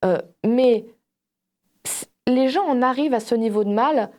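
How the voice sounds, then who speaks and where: Speaking at a measured pace in a slightly high voice, a woman joins a casual Bible discussion as a panelist. She tells things like a storyteller, animatedly performing imagined quotes to illustrate her points.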